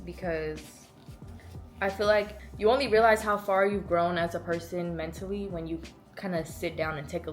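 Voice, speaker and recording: A content creator in her early twenties answers questions in a casual, chatty Q&A. She is animated, slangy and playful, and her voice is on the low side.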